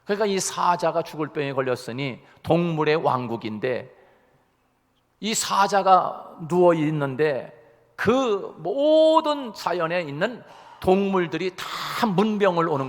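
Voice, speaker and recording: Male pastor, Sunday sermon, storytelling, slightly high voice, long church reverb. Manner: storytelling, animated with slowed emphasis. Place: church sanctuary.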